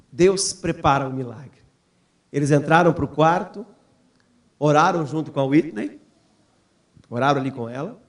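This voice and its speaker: Middle-aged male missionary preacher, higher pitch, vivid storytelling into a fervent church appeal. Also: a little mellow. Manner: storytelling, acts out quoted voices, rising to fervent appeal. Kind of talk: sermon testimony.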